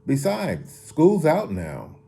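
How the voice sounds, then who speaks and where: A man voicing an earnest young boy who sells newspapers, in a storybook reading, his voice lifted higher and boyish. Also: wildly swooping pitch, takes it slowly, gravelly, dark tone, exaggerated voice. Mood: plain.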